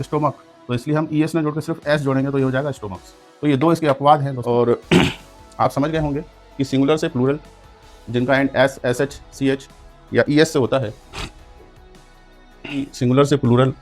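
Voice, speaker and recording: Man, English grammar teacher, speaks Hindi, spells words out letter by letter, faint music behind. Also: mid-range voice. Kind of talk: classroom lesson.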